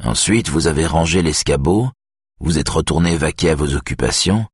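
A man playing a calm, methodical male detective. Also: rumbling low, breathy edge, dry recording, studio quality. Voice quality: measured, methodical questioning.

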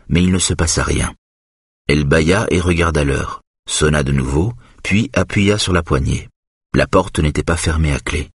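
A man narrating a tense first-person story in a measured way. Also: very deep voice, breathy edge, no echo, clean studio sound.

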